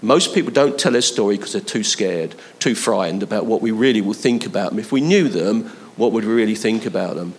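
A man's voice: lowish voice, expressive, a little fast, few pauses, slightly rough. A man preaching a conversational sermon, building to emphatic appeals to his listeners. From London, England.

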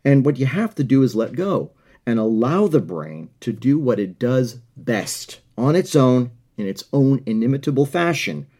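This middle-aged podcast host from the United States gives a sincere motivational monologue at a moderate pace, his medium-pitched voice mellow and sing-song. Words get repeated frequently as he finds his phrasing.

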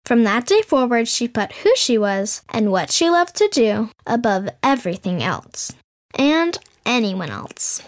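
A woman's voice: a little high, very animated, normal speed, few pauses. A woman telling a fairy tale as the show's storyteller in scripted narration, with playful, sarcastic asides.

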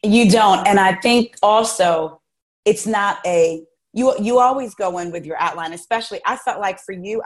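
Female podcast host; low-pitched, effusive, casual. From South Jersey, USA. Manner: chatty, effusive, restarts sentences. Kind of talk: casual interview chat.

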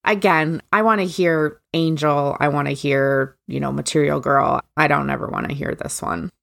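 Low-voiced woman co-hosting a podcast. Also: moderate pace, vocal fry, fairly bright tone. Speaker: podcast co-host. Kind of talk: casual chat.

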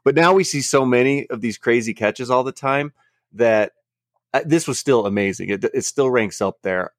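A man's voice: mid-range voice, moderate pace, no echo, clean studio sound. A man co-hosting a sports podcast, chatting in an easygoing way. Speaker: podcast co-host. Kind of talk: casual sports podcast chat.

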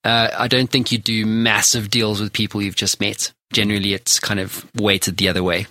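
A man's voice: on the low side, little pitch movement, moderate pace, bright, forceful tone, no echo. A man hosting an interview podcast, chatting casually and telling anecdotes. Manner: anecdotal, storytelling. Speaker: podcast host.

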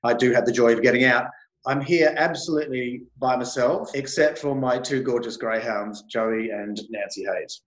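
A man's voice: medium pitch, moderate pace, reverberant, rough recording. An Australian man chatting expressively as a guest in a casual interview.

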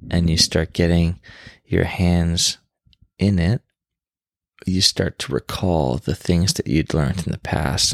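A man's voice: sits low, creaky, husky, no echo, studio quality. A man hosting a casual solo podcast, talking in a rambling, unscripted, informal way and sounding tired. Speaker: podcast host. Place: bedroom in a new home, on his bed.

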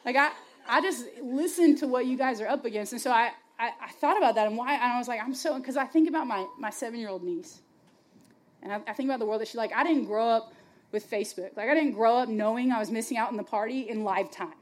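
Brief: young adult female youth speaker, conversational sermon, passionate, slightly high-pitched, casual filler words. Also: fast talker. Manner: passionate, chatty, heavy use of "like" and "y'all". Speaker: speaker at a youth faith gathering.

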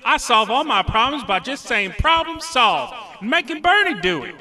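A high, bouncy, dim-witted henchman with a hick drawl, always eager to please, played by a woman. The voice swings up and down in pitch and sounds a bit distant from the mic. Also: big pitch swings, normal speed, pushed and bright, full character voice. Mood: goofy. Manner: folksy hick talk, "gee whiz", "yuck yuck".

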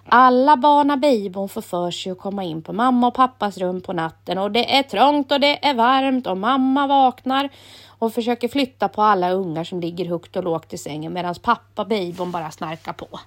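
Woman reading a children's story. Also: mid-range voice. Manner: calm, gentle storytelling.

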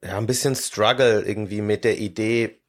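Male podcast guest, lower voice, hesitant and reflective delivery. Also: fairly even intonation, moderate pace. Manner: hesitant, many filler sounds, thoughtful. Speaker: guest, 3D illustrator. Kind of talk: casual podcast conversation.

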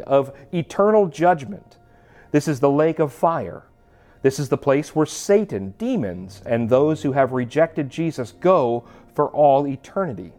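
A man preaching a sermon as a pastor, telling a personal story in an animated, conversational way. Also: mid-range voice.

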